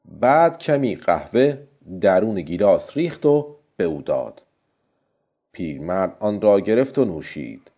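Low male audiobook narrator with a lively, rising and falling delivery, muffled lo-fi recording. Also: slightly rough. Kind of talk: scripted storybook narration.

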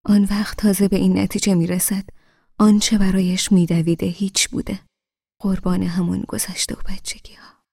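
A woman narrating a novel in the first person, in a soft, half-whispered, wistful voice. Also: medium pitch, level tone, vocal fry, husky, dry recording, clean studio sound. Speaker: audiobook narrator.

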